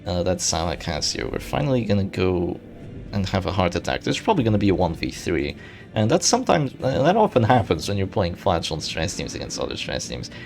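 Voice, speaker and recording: A man's voice: low voice, very animated, brisk, creaky, a little mellow, faint music behind. A man giving casual live commentary on his own strategy game match, thinking aloud and correcting himself as he goes. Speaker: gaming channel host.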